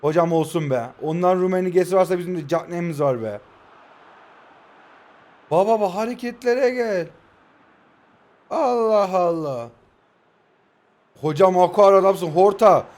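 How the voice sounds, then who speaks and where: A man in his twenties from Turkey giving excitable live commentary over his own mobile football match, shouting player names and swearing playfully at the game. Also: high voice, unhurried, pauses often. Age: 20s. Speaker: mobile football gaming YouTuber.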